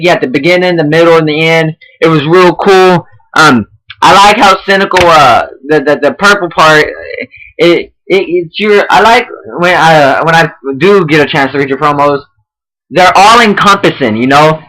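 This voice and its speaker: Young man, bright voice, rambling casual feedback host, swears a lot. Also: on the high side, moderate pace, poor audio. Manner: rambling, profane, many restarts and fillers. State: out of breath. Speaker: online wrestling roleplay host giving feedback.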